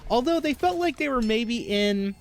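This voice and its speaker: A man's voice: very high voice, animated, normal speed, vocal fry, over a noisy crowd. A man hosting a gaming news video, speaking with a slightly slurred mouth numb from the dentist. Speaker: gaming YouTube host. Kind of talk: scripted-sounding gaming news narration.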